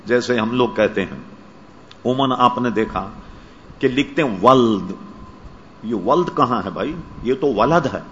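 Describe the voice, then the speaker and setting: A male religious scholar patiently explains in a question-and-answer session. He stops to check that his listeners understand and carefully corrects pronunciation. It is a dull, lo-fi archive recording with a faint hiss behind him. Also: mid-range voice.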